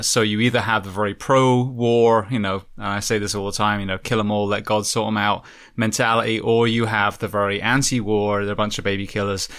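An English podcast host with an English accent, asking long, thoughtful interview questions. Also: male voice, fairly low pitch, a bit bright, clear, resonant tone. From England. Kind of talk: casual interview.

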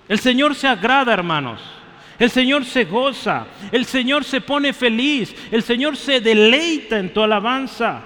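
A man preaching to his congregation in a high, bright, forceful voice. He speaks with energy and keeps calling out to the people in front of him. His voice rings through a church with a long reverb. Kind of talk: sermon.

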